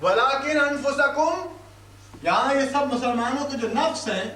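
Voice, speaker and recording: Brief: man with a Pakistani Urdu accent and a very high voice, Quran lecturer, recites then explains, recorded from a distance in a hall. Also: animated, pushed and bright. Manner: scolding, rhetorical questions. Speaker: Quran teacher. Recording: echoey hall, distant mic, faint hiss.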